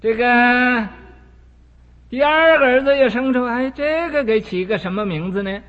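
High-voiced man telling a Buddhist parable. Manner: slow storytelling, frequent drawn-out "ah" fillers, mixes in English words. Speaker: Buddhist preacher. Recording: dull lo-fi recording in a reverberant hall.

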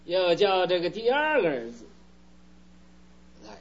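Brief: slow-speaking male Buddhist preacher, slightly high voice, dull lo-fi tape with faint hum. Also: huge pitch swings. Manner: unhurried storytelling with many fillers. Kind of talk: sermon telling a parable.

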